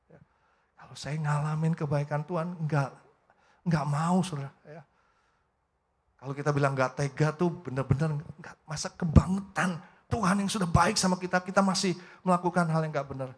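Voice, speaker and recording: A pastor preaching with lively inflection. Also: male voice, mid-range voice. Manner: animated, acts out quoted voices, addresses listeners directly. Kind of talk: sermon. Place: church hall in a mall.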